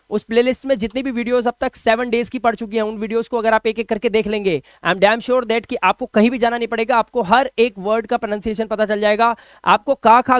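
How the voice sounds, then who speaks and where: In an online video lesson on English pronunciation, a man with a high voice explains patiently in Hindi, mixing in English phrases. He keeps repeating each word and asks rhetorical questions to drive the point home, with no room sound in the recording.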